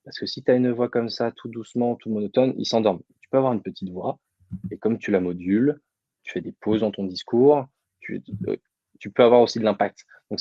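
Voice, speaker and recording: A man's voice: fairly low pitch, dark tone, no room sound, highs cut off. A man giving casual public speaking advice in a webinar, answering questions informally with many fillers. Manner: informal, addresses audience directly, many fillers.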